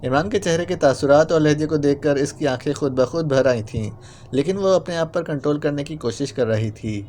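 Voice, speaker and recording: A man reading a spy novel as an audiobook narrator, in a steady storytelling manner. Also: fairly high pitch, a little hiss or hum.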